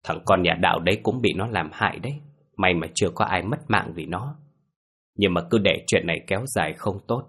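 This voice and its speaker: A man voicing a stern, gruff old village father who gives orders to his family in a ghost story. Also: low voice, a little fast, a bit bright, heavily acted. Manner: gruff, commanding.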